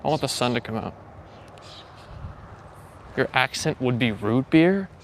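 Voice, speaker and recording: A man hosts a live morning walk stream outdoors, rambling casually with lots of fillers while reading his chat aloud and answering it. His medium-pitched voice is expressive and a little slow, with slight background noise.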